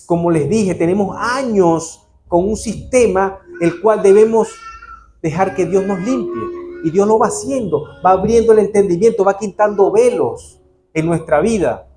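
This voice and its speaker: Guy preaching in church, earnest, fairly high voice, music going behind him. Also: normal speed, dark tone. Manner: earnest, addresses the congregation as brother. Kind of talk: sermon.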